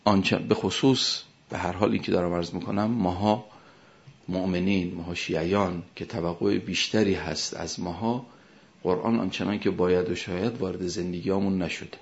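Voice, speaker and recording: A man preaching a sermon as a cleric, emphatic, his voice swelling and dropping sharply in loudness. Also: low voice, fairly even intonation, muffled recording.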